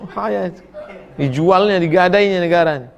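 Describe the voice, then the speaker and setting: A middle-aged man preaching, reading listeners' questions and answering them in a folksy, joking way, his voice swinging between high and low as he acts out quotes. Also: moderate pace, vocal fry, muffled recording. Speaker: Islamic preacher. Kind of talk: sermon answering read-out questions.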